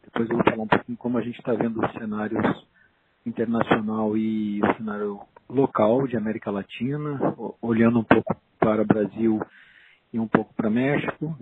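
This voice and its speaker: A man with a Brazilian accent giving an unscripted business presentation as an investment officer, halting and explanatory. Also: on the low side, steady tone. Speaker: investment fund chief investment officer. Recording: noisy narrow phone line.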